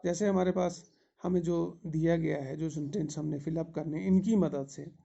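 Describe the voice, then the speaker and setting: A man with a Kashmiri accent, teaching an English grammar lesson, explaining each word slowly and step by step. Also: on the high side, fairly even intonation, vocal fry, dark tone, breathy edge. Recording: dull lo-fi recording.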